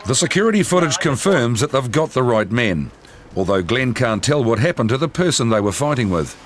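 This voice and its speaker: A man's voice: mid-range voice, sing-song, brisk. New Zealand man narrating over street noise. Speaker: narrator of a police reality TV show. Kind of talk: scripted documentary narration.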